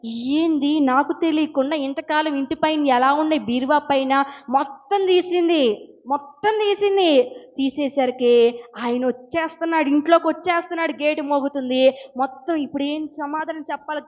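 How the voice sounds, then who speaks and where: A woman preacher telling a story in a sermon, acting out pleading prayers and asking her listeners questions. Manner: emotional, rising to high pleading cries; asks the congregation questions. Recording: dull lo-fi sound.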